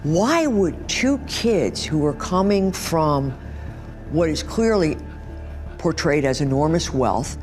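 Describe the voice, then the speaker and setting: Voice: mid-range voice, animated, slow, darkish tone, soft background music. A speaker interviewed as an expert, thoughtful and sometimes searching for words. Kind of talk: explanatory interview.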